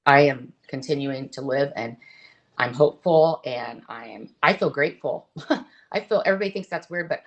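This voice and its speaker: A middle-aged woman, a guest in an interview, talking openly and earnestly, often pausing and restarting her sentences. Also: very deep voice, highs cut off. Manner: earnest, open, halting with restarts. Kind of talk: candid conversational interview.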